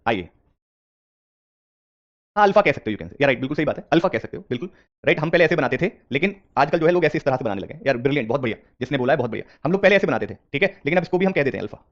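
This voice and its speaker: Fast-talking man teaching reasoning. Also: on the high side, animated, lo-fi sound. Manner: repetitive, coaxing, mixes English terms. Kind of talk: live online class teaching.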